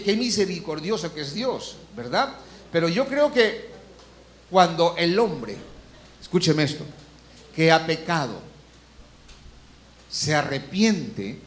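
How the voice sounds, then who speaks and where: A man, a pastor, preaching a sermon to his congregation, asking frequent rhetorical questions and acting out complaining voices. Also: on the high side. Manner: acts out complaining voices in quotes; slows down and rises on emphatic Bible quotations. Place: church.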